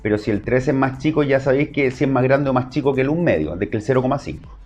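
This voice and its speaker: A man's voice: mid-range voice, expressive, quick pace, a little mellow, highs cut off. A man with a Chilean accent teaching an online math class, explaining step by step and checking in with short questions.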